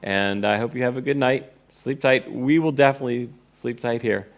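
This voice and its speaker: This presenter, course teacher and author has a gravelly voice at medium pitch and talks at a normal speed. Addressing an audience, he tells a casual first-person story with a wry edge, performing the dialogue he remembers.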